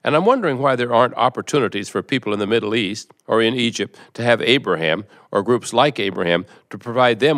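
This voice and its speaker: Nervous earnest seminar guest, read by a man, lowish voice, hesitant questions. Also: a bit bright. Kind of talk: reading a seminar transcript aloud.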